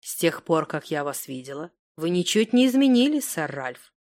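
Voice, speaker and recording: A woman's voice: low-pitched, big pitch swings, normal speed, a little mellow, no echo, voice pushed down. An elegant, mysterious noblewoman speaks shyly, in a confiding tone, as a woman reading the story voices her. The sound is dry and close. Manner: shy, confiding.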